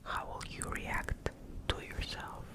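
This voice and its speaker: Casting: whispering ASMR host for a bedtime pep talk, very slow, breathy, close-miked. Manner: slow, pausing between short phrases. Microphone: close fluffy-covered microphone.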